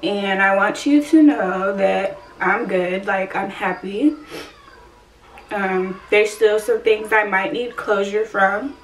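A woman's voice: mid-range voice, slow. A woman in her twenties telling a personal story in a casual vlog, blunt, emotional and full of swearing. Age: 20s. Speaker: vlogger. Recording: roomy echo, distant from the mic, faint ambient noise.

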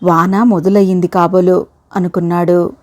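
A woman storyteller narrating a short story, with even, measured audiobook delivery. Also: lowish voice, noisy background.

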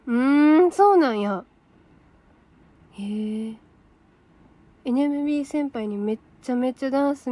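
A woman's voice: sits high, darkish tone, no room sound. Chatty Kansai-accented young woman livestreaming. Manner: casual, chatty, reacts to comments aloud. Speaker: idol trainee livestream host. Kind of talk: solo livestream chat reading viewer comments.

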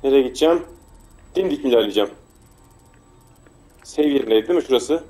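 A man casually commenting on his own gameplay, muttering to himself and getting frantic and loud when chased. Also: mid-range voice, animated, quick pace. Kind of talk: casual let's play commentary.

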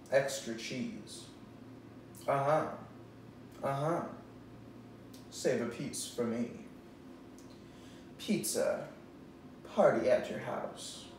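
A very echoey, distant recording of a young man performing a dramatic reading. He speaks slowly and plays it up like a hammy stage actor, drawing out theatrical pauses with mock seriousness. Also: medium pitch, darkish tone. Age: young adult. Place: indoors in a bare, echoey room. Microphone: distant camera microphone. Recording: very echoey room, far microphone, faint noise.

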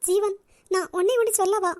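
A woman's voice: very high voice, fairly even intonation, fairly quick, no room sound, studio quality. A woman voicing an emotional young woman in a cartoon, who speaks in a pleading way. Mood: tearful. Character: young woman, tender and tearful in love.

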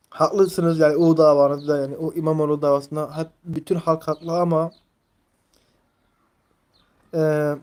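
A man's voice: on the high side, mellow. A man in his twenties chatting casually on a live stream, rambling, leaning heavily on fillers and reading viewers' messages aloud. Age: 20s. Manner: rambling, filler-heavy, reads chat aloud.

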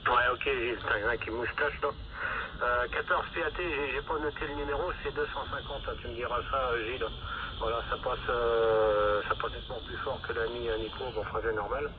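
Man, CB operator heard over a walkie-talkie, dull lo-fi sound with strong static, relaxed radio chatter full of fillers. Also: medium pitch. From France. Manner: unhurried, full of fillers and call-sign spelling. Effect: heard through a handheld walkie-talkie receiver. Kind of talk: casual radio contact with call signs.

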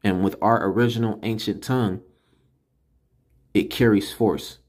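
A man with a Californian accent teaching a spoken Hebrew pronunciation lesson, emphatic and repeating syllables slowly. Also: on the low side, steady tone, a little mellow.

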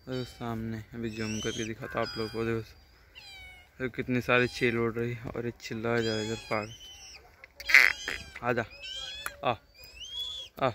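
A man's voice: mid-range voice, heavy background noise. A man vlogging casually outdoors near trees and a farm, chatty and always telling viewers to look. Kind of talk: casual vlog narration. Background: birds and animals calling.

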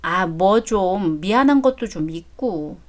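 A woman's voice: medium pitch, expressive, measured pace, voice pushed down, lightly acted. A woman voicing a brash, greedy older mother-in-law who talks bluntly and coarsely in a story drama. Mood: softened. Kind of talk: story drama read aloud.

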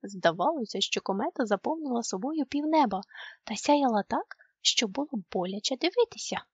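A woman narrating a children's story in a gentle, expressive storytelling voice. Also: a little high, a little fast, husky, dry recording.

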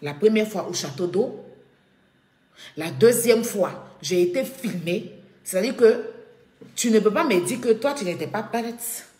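A woman's voice: mid-range voice, expressive, unhurried, pauses often, mellow. Indignant woman in an echoey room. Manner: indignant, repeats her points emphatically. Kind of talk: live video monologue. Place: at home, echoing room.

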